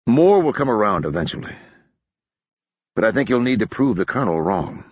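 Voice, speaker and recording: A man's voice: lowish voice, sing-song, fairly quick, breathy edge, no echo, dull audio, pitched above the performer's own voice. A man voicing an earnest army officer. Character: earnest male army officer, troubled friend.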